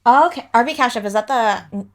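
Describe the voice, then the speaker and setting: A woman's voice: a little high, a little fast, a loud crowd. Chatty woman hosting a podcast. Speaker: podcast host. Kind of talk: casual interview.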